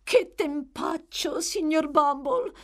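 A woman's voice: sits high, lively intonation, slow pace, pitched above the performer's own voice. A woman doing a prim, fussy workhouse matron. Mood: sugary. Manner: fussy, exclamatory, sugary toward guests. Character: prim, self-pitying widowed workhouse matron. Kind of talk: audiobook reading.

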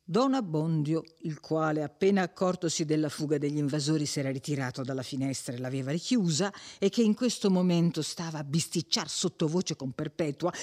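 A reader narrating a classic novel with expressive, suspenseful pacing. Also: medium pitch. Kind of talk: dramatic audiobook narration.

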